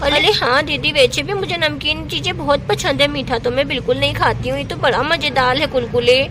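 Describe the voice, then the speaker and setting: A woman's voice: sits high, a little fast, close to an everyday voice. A woman voicing a cheeky young village girl who complains playfully.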